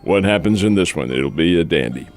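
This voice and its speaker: A man's voice: sits low, lively intonation, brisk, soft background music. An older man co-hosting a sports radio show, giving folksy rundowns of games and calling listeners "folks". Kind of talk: casual sports radio chat.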